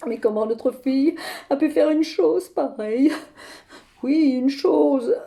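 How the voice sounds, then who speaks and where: A woman performing a comic monologue plays an exasperated older grandmother ranting over the phone in a one-sided call sketch, ending nearly every phrase with a questioning "hein" and dramatic flair. Her high voice is nonetheless mellow and dark, with a gravelly, creaky edge, and she delivers it slowly and exaggeratedly.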